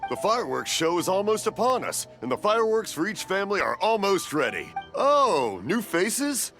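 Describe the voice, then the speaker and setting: An actor playing a cheerful, hard-of-hearing old fireworks maker who rambles and mishears. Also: male voice, high voice, sing-song, normal speed. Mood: cheerful, rambling. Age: older. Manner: rambling, mishears and repeats himself, chuckles. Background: game music.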